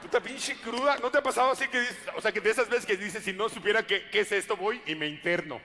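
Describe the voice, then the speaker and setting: A man's voice: sits high, fast talker, sharp tone, slight background noise. A man with a Mexican Spanish accent doing a stand-up comedy routine, full of crude slang and acted-out quotes.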